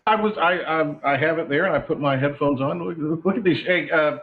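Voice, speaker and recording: A man's voice: on the high side, brisk. A male radio co-host joking around on air, his voice hollow and muffled as if through a tube because a computer mic is picking him up. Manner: joking, offhand. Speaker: radio talk show co-host. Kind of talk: casual morning radio banter. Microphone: computer's built-in mic. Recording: tinny phone-like computer mic.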